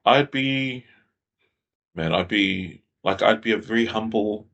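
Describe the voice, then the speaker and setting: A man speaks in an easygoing, thoughtful podcast interview. His voice sits very low with a gravelly, husky edge. He circles back and repeats phrases as he works through an idea. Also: takes it slowly, a bit bright, muffled recording. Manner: thoughtful, reflective, repeats phrases while thinking. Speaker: guest. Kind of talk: casual conversational interview.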